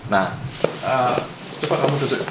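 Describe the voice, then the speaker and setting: A middle-aged man, a parent, explaining advice in a conversational way with frequent pauses and fillers. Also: medium pitch, heavy background noise. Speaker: parent guest sharing advice. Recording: echoey room.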